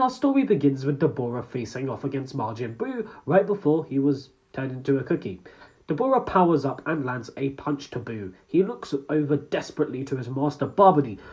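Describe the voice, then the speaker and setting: A man's voice: mid-range voice, darkish tone, low-quality recording. A man who runs his own channel, casually narrating a fan-made story in an upbeat, chatty way. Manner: upbeat and chatty, loose retelling. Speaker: YouTube creator.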